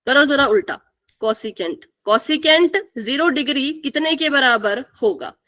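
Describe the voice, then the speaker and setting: A woman's voice: high-pitched, animated, slow pace, bright, forceful tone. A young woman teaching a live online math class, asking the students questions and repeating the key answers.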